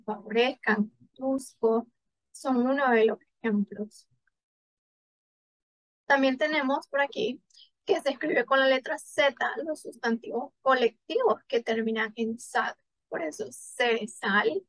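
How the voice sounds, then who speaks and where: A woman with a fairly high voice gives a class presentation on spelling rules. She reads out lists of example words one by one, with small pauses and fillers between them. The sound is dry and close. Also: a bit bright, no echo, low-quality recording. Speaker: student presenter.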